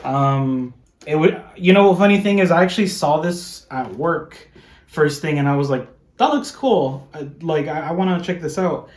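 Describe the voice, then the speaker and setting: A man with a slightly high voice rambles casually about his favorite films, full of fillers and loose swearing. He sounds relaxed and unpolished, in a roomy room with plenty of echo. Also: normal speed. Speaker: guest showing his film haul. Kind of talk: casual film chat. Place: room in a home.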